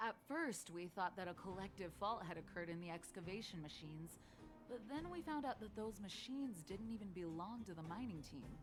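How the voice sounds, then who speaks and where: A woman plays an injured mining-team woman from a video game, speaking earnestly with lively rises and falls in pitch. Game music plays clearly behind her, and she keeps her footing despite her sprains. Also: moderate pace, close to an everyday voice. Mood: worried. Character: injured female miner, shaken but steady.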